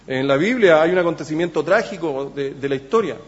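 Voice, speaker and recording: A man preaching a sermon in a church, halting with many fillers and restarts, then pressing points with emphasis. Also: on the high side, lively intonation. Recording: echoey church hall, dull sound.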